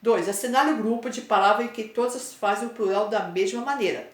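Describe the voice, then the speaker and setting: Patient Brazilian teacher in an echoey room. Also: female voice, on the high side. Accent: Brazilian Portuguese. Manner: patient, drawn-out spelling of word endings with frequent "né?" and "tá?" checks. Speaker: Portuguese teacher. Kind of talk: explaining homework to pupils.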